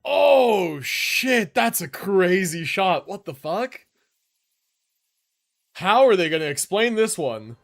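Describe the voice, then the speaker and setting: Slow and gravelly yet very animated, a medium-pitched young adult livestreamer reacts to a game with slangy, exclamatory remarks. Video game music and sounds fill the background.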